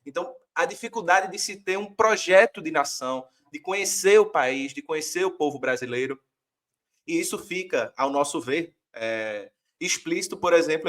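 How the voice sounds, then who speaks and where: Argumentative Brazilian man, slightly high voice. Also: a bit bright. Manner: reflective, argumentative, many fillers. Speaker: guest author. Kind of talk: political discussion.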